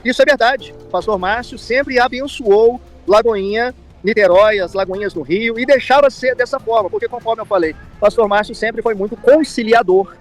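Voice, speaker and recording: A man's voice: high-pitched, moderate pace, faint music behind. A man with a Brazilian accent giving commentary in an interview as a pastor, explaining with repetition and frequent tag questions. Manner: explanatory, repeats himself, seeks agreement with tag questions.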